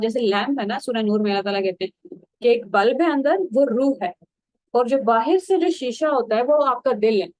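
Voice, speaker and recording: A woman's voice: mid-range voice, no echo, poor audio. A woman giving a Quran commentary lesson, explaining earnestly in a conversational way and slipping in English words. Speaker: Quran teacher.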